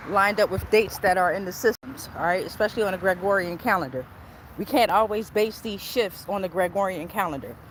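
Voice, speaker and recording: A woman with a medium-pitched voice, captured in low quality, livestreams casually from her phone while walking near traffic. She's a spiritual tarot reader who speaks informally, repeats phrases, and checks in with followers, with street and traffic noise behind her.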